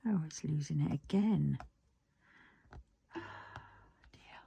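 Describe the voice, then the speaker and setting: A British woman chatting casually while crafting, musing half to herself in a husky, breathy voice. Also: low-pitched, takes it slowly, mellow, no echo.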